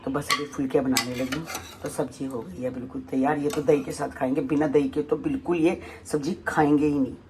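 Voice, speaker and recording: A low, steady-toned voice belongs to a middle-aged mom who vlogs about her family, talking a little fast as she cooks at home and wanders between subjects in a casual chat with viewers. The background is noisy.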